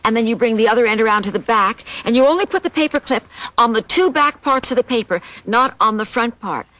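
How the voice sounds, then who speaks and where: Woman, children's TV host, animated and bouncy, fairly high voice, very lively pitch, speaks to kids. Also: a little fast. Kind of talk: presenting crafts and tricks to children.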